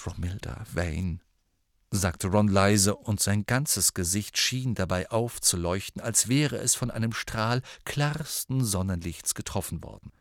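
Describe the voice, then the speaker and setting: A man narrating an audiobook in an expressive, animated storytelling manner. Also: fairly low pitch, unhurried, hardly any pauses, no echo, studio quality.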